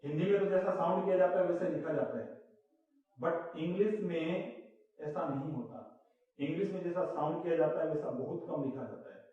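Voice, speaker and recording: A man's voice: on the high side, fairly quick, dark tone. A male teacher giving a lecture, explaining step by step and repeating example sounds aloud. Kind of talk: classroom lecture on English phonetics. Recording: echoey room, voice from far off, dull lo-fi sound.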